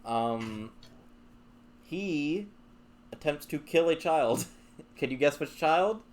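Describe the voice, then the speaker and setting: A man's voice: a little high, expressive, takes it slowly. A man chatting casually as host, rambling with filler words and laughs, swearing lightly. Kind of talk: casual chat.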